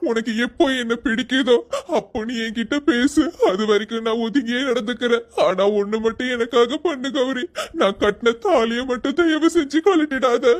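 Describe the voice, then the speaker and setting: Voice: mid-range voice, normal speed, natural voice. A performer voicing a devoted young husband who tearfully begs his wife to accept him. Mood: resigned. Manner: begging, tearful.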